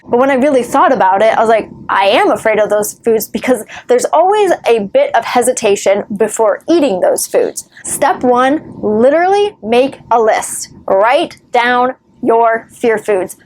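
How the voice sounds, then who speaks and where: A woman's voice: sits high, a little hiss or hum. A woman giving earnest, reassuring advice straight to camera as a recovery vlogger, with the odd wry joke. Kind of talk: encouraging direct-to-camera advice.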